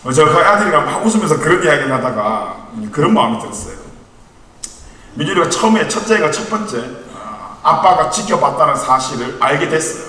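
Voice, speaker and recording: Bright-voiced young pastor in echoey hall. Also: male voice, fairly high pitch, very animated, fairly quick, a little hiss or hum. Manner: chatty storytelling with light humor. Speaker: youth ministry evangelist. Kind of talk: conversational sermon. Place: church worship hall. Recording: echoey church hall from far off.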